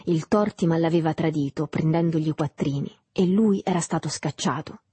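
A woman reading a literary novel aloud in a calm, measured way. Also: sits low, husky, no echo. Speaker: audiobook reader. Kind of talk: literary audiobook narration.

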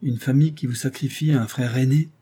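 A man's voice: mid-range voice, fast talker, warm tone, slightly rough, close to an everyday voice. A man voicing an ardent young suitor of barely twenty in an audiobook, speaking urgently and imploringly.

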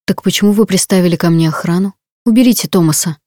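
A woman's voice: lowish voice, fast talker, dark tone, no room sound, natural voice. A woman voicing a young female paramedic who speaks in a defiant, pleading way, close to tears.

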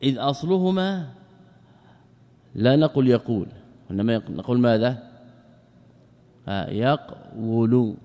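A man, a religious scholar, teaching a class. He asks rhetorical questions, answers them himself, and stretches out words slowly for emphasis. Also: medium pitch, dark tone, big-room sound. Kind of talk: explanatory lecture.

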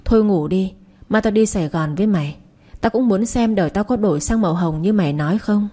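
A woman's voice: medium pitch, a little fast, mellow, lightly acted. A woman voicing a scrappy, cynical poor teenage boy who talks bluntly. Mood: plain. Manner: blunt, scornful.

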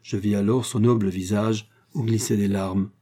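A man narrating a literary audiobook in a measured, steady storytelling manner. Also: fairly low pitch.

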